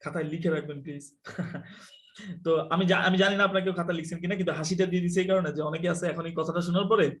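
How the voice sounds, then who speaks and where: A man teaching a live online English class, explaining quickly and telling students to mute their mics. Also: high voice, steady tone. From Bangladesh.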